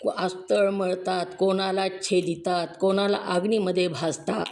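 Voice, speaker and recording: Speaking a little slowly, in a darkish, medium-pitched voice with fairly even intonation, a Marathi-accented woman delivers a devotional scripture talk. She is earnest and emphatic, posing rhetorical questions, and there's slight background noise.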